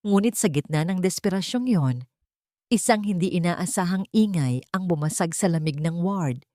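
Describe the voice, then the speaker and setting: Low-voiced woman narrating a drama. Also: animated, moderate pace, dark tone, no echo, clean studio sound. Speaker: storyteller.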